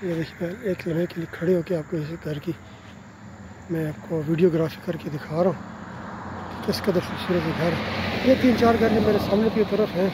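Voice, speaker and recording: Over a noisy background, a Pakistani travel vlogger with an Urdu accent and a high-pitched voice films on his handheld phone while walking a quiet residential street. He points out houses politely, in unhurried tour-guide style, sprinkling in "ji" and "theek hai na".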